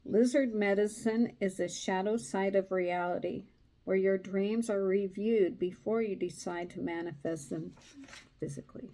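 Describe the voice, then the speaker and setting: A soft-spoken woman giving a casual tarot reading, hesitant with many fillers, reading aloud from a card book. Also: medium pitch, steady tone, a little slow. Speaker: tarot reader.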